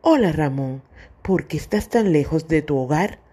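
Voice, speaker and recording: A woman voicing a wise, kind old male chimpanzee in a children's storybook, speaking gently and reassuringly. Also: deep voice, animated, moderate pace, husky. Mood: gentle.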